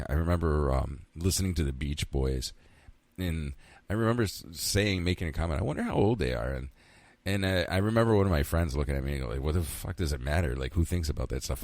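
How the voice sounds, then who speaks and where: A man's voice: rumbling low, a little mellow, dry recording. A man in his fifties from central New York, hosting a casual solo podcast, rambling and candid, swearing freely and talking to himself. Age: 50s. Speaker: podcast host.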